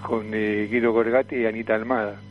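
A veteran comic performer and voice impressionist in his seventies from Tucumán, with an Argentine accent, reminisces about his career as a radio interview guest. His fairly low voice is brisk with little pitch movement, and he hesitates and repeats words and phrases. The audio is dull, with soft background music.

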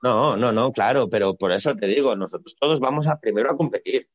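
A man talks easily as an interview guest, explaining things step by step and dropping blunt, colloquial asides. His voice sits at an ordinary pitch. The recording is dry and a little muffled. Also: brisk, no echo. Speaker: retired Olympic gymnast, guest. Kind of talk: casual interview conversation. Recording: dry, slightly dull sound.

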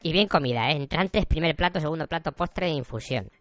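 A man playing a boastful, silly male dark wizard lord, rambling and joking in a comedy sketch interview. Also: on the high side, lively intonation, brisk, dry recording.

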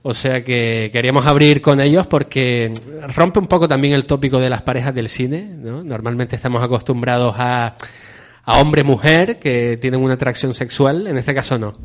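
A man's voice: medium pitch, moderate pace. A man hosting a podcast, guiding the chat and introducing clips. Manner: guides the talk, introduces clips. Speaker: podcast host. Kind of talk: casual chat.

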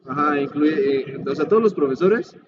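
A man's voice: fairly high pitch, lively intonation, normal speed. A Mexican man chatting casually as a co-host, using everyday slang. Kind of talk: casual chat. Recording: muffled lo-fi audio, clear background noise.

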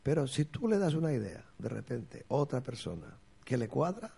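A comic actor, telling earthy, swear-filled anecdotes in a casual interview and acting out quotes. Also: male voice, medium pitch, sing-song, normal speed, gravelly, warm tone, husky.

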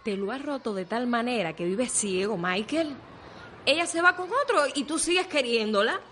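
A woman's voice: a little high, animated, moderate pace, fairly bright tone, slight background noise. An actress playing a frank, level-headed teenage girl who teases her friend. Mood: blunt.

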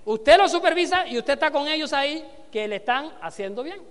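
High-voiced man giving a motivational seminar. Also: animated, brisk, fairly bright tone, in a large hall. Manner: preachy, quizzes the audience and has them repeat after him. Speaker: network marketing trainer speaking to an audience.

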